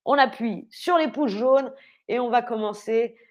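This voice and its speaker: Young woman teacher on a livestream, slow careful talk, spells words out letter by letter, kinda high voice, encouraging. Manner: upbeat, encouraging, quizzes viewers. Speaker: French teacher hosting a livestream. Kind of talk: live online vocabulary lesson.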